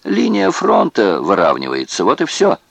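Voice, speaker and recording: This is a cruel, tipsy camp guard who sneers and taunts with mock friendliness, as a man reads him out. The voice sits higher than the reader's own and has a gravelly edge. It swings up and down a lot and sounds dry and close. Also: huge pitch swings, normal speed, fairly bright tone, no echo, full character voice. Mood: taunting.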